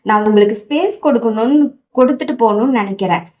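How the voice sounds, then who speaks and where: A woman voicing a young wife who pleads tearfully and defiantly, in a raised, higher voice. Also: fast, darkish tone, lightly acted. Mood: tearful pleading.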